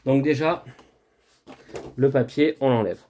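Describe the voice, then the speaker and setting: A man's voice: mid-range voice, slow pace, mellow. A man hosting a board game channel, chatting casually through an unboxing with frequent fillers and restarts. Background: lawn mower and brush cutter nearby.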